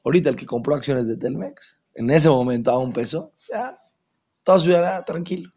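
Husky guy giving a torah class, keeps repeating stuff for emphasis, dull lo-fi sound. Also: mid-range voice, animated, a little fast. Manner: emphatic, repeats key phrases, drops into hushed asides. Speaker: Torah teacher. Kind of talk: religious talk to an audience. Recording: dull lo-fi recording.

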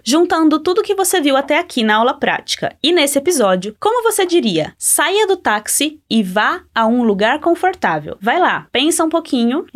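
Woman, Brazilian Portuguese accent, high voice, podcast Spanish lesson, encouraging, slow model phrases to repeat. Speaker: Spanish teacher.

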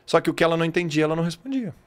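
A man's voice: on the high side, lively intonation, rapid-fire. A man, an English teacher, talking as a guest in a casual podcast conversation, explaining emphatically with lots of slang.

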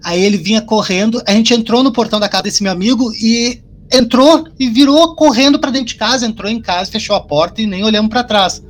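A man co-hosting a podcast, telling a personal story in casual, animated, profane chat. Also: high voice, brisk.

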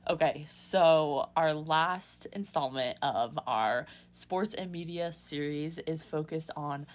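A woman's voice: low-pitched, slow. A woman co-hosting a sports podcast in a chatty, informal way, with slight trouble on her R sounds. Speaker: podcast co-host. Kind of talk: casual sports podcast chat.

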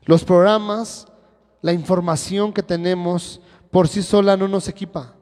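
A man's voice: high-pitched, fairly even intonation, unhurried, a little mellow. A man teaching a sermon to a congregation, firing rhetorical questions at them one after another. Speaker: church teacher. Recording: long reverb of a church hall.

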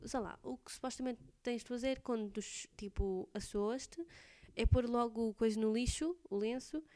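A chatty teenage girl with a European Portuguese accent rambles on to her viewers, full of fillers. Her voice sits a little high and rings smooth and clear. She sounds slightly congested, with a touch of phlegm. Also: dark tone. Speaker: student vlogger. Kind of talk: casual chat to camera.

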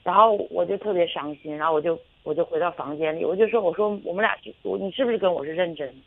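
Here a woman's low-leaning, creaky voice comes fast through a thin phone connection with no echo. She's a radio caller, stumbling through a personal anecdote with restarts and filler words.

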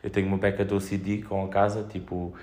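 A man's voice: deep voice, completely flat delivery, quick pace, darkish tone. A young man with a European Portuguese accent, chatting casually on his own in a slangy, sweary, joking way, telling rambling anecdotes as a podcast host.

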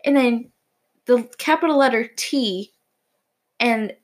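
A woman's voice: fairly high pitch, slow. A teenage girl co-hosting a podcast, making show announcements in casual chat, flustered and stumbling over her words. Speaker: podcast co-host.

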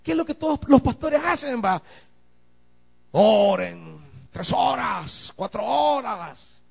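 A male pastor preaching a sermon, swinging from quiet asides to shouted emphasis and calling out to the congregation. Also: very high voice, lively intonation, takes it slowly, creaky, breathy edge.

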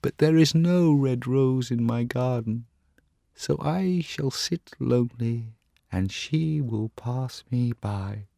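A man's voice: medium pitch, slow pace, vocal fry, dark tone, dry recording, studio quality, pitched above the performer's own voice. A man playing a lovesick young male student in a storybook reading, speaking in an impassioned, yearning way. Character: heartbroken young male student, pining and dramatic.

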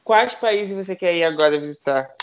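A man with a Brazilian Portuguese accent, a relaxed interviewer who mostly answers with short affirmations. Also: fairly high pitch, normal speed. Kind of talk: casual interview. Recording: dull sound with faint noise.

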